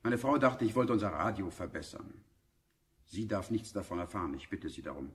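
A man's voice: fairly low pitch, animated, a little fast, breathy edge. An actor playing a timid small-time male reporter who stammers and pleads with a policeman in a radio play. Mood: nervous pleading. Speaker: local reporter. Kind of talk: German radio play acting.

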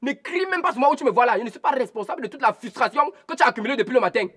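An actor playing a cheeky younger brother who talks back and taunts. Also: male voice, extremely high pitch, lively intonation, racing, fairly bright tone, slightly rough, heavily acted. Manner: cheeky, provocative.

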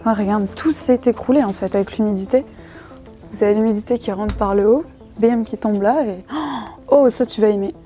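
A young woman vlogging chattily outdoors while exploring an abandoned place, often dropping to a hushed voice. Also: mid-range voice, brisk, faint music behind. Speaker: urbex vlogger. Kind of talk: casual vlog narration with sponsored segment.

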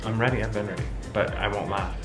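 A man in his thirties chats casually as a video co-host. His voice sits fairly low. The room is echoey and music plays clearly behind him. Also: steady tone, fast talker. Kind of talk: casual chat with a partner. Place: small room indoors.

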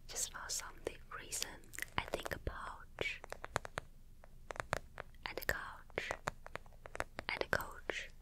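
Slow whispering young woman, ASMR. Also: poor audio. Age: young adult. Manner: slow, soft, unhurried whispering with pauses. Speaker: ASMR host. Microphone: close studio microphone with foam windscreen.

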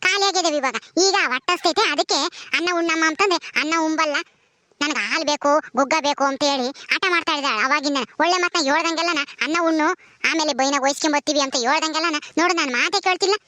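Woman as a scolding village mother, very high voice, fast. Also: dry recording, clean studio sound. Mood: complaining. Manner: scolding, loud and exasperated. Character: poor village mother scolding her hungry daughter. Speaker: actor in a village drama. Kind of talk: village skit acting.

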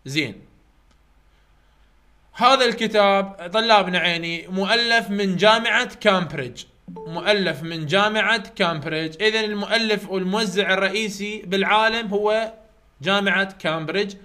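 A man's voice: high-pitched, moderate pace, bright, forceful tone. A man with an Iraqi Arabic accent giving a chatty live online lecture, repeating key points and speaking straight to his students. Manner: repetitive, chatty teaching, addresses students directly. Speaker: English phonetics tutor.

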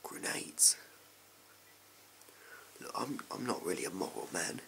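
A man's voice: sits low, sing-song, measured pace, creaky, fairly bright tone, full character voice. A young English man in a whispered role-play, playing a shady, amoral backstreet gun dealer with furtive, clipped, offhand sleazy salesman patter. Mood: wary, offhand. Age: young adult. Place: small indoor room at home. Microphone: close to the camera.

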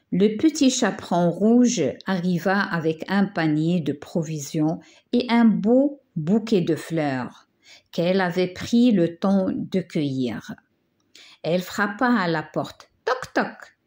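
A woman teacher reading a children's tale aloud, slow and careful, with small slips and restarts. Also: on the low side, animated, darkish tone.

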